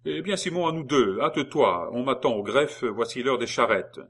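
A cold, calm male prosecutor, as a man reads him in a storybook, curt and dismissive. He talks in a mid-pitched voice with dry, doubting brevity. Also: moderate pace, husky.

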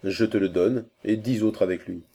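A man's voice: lowish voice, steady tone, normal speed, dark tone. A man reading aloud and voicing an old Indian prince, a grief-stricken father who turns wrathful and commanding. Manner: anguished, then commanding and vengeful.

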